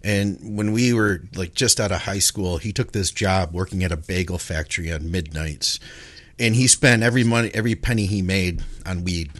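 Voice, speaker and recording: An animated man in his forties tells a story casually as a podcast co-host. His voice sits a little low. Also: normal speed. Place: home studio with video call.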